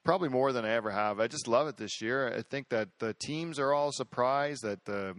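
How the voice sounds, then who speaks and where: This podcast host, a man whose voice sits mid-pitch, talks briskly in a wandering, casual conversation, showing off and getting worked up as he loops back over what he said. The audio is tight and dry, without any room sound.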